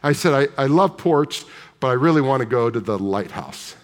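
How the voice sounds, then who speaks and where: A man's voice: mid-range voice, lively intonation, moderate pace. A man preaching a sermon, telling a story in a conversational way and putting questions to the congregation. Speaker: pastor. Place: large church sanctuary. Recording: long hall reverb.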